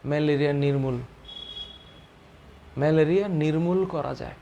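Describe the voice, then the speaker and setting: A man's voice: on the high side, fairly even intonation, normal speed, dark tone, slight background noise. A man teaching a biology lesson, repeating key terms and answering his own questions.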